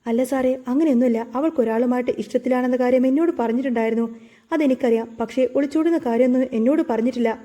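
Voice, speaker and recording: A woman's voice: high voice, quick pace, mellow, dull audio, natural voice. A woman voicing a frightened young shop worker who pleads near tears. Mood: pleading.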